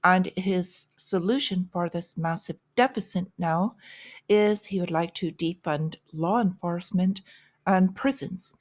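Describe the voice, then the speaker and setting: A woman's voice: fairly low pitch, unhurried. A woman hosting a market and news commentary show, opinionated, with sarcastic asides and frequent fillers. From United States.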